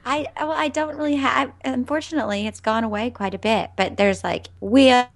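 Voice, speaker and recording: A woman's voice: on the high side, steady tone, a little fast, creaky, a bit bright. A young adult woman, co-hosting a podcast and telling rambling, giggly stories in casual chat. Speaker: podcast co-host.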